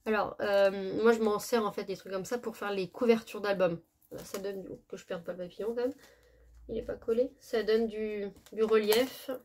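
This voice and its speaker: A woman's voice: mid-range voice, steady tone, normal speed, a little mellow. A woman casually presenting her scrapbooking purchases, chatty and often searching for words, correcting herself as she goes. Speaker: scrapbooking haul vlogger.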